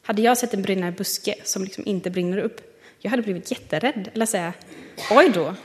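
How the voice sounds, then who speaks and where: A woman preaching a sermon and reading scripture, reflective, slowing down to stress key words. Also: mid-range voice, a little mellow. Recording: long reverb of a large hall.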